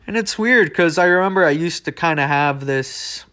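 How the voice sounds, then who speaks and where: A man's voice: on the high side, animated, moderate pace, bright, forceful tone. Rambling young man hosting a podcast. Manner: rambling and conversational, with asides. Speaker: podcast host. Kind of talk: casual solo podcast talk.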